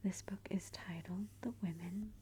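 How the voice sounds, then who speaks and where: A woman speaking softly in a hushed, breathy near-whisper, gently and unhurriedly giving an ASMR book review. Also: mid-range voice, steady tone, normal speed, a little hiss or hum.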